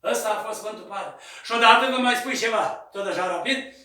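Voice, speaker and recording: A male Orthodox priest telling a saint's story in a sermon, acting out the voices and shouting at the peaks. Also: sits high. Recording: echoey room, distant mic.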